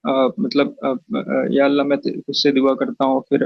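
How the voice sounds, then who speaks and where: Hesitant gravelly caller on a dull line. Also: male voice, medium pitch, completely flat delivery, no room sound. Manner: hesitant, with many fillers and restarts. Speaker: caller asking questions. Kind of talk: halting questions on a live call. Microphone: online call.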